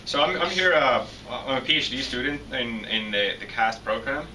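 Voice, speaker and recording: A man's voice: mid-range voice, lively intonation, moderate pace, pushed and bright. Hesitant Finnish-accented young man. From Finland. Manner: hesitant, many restarts and repeated words. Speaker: PhD student guest. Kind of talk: interview answers. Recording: distant mic with faint noise.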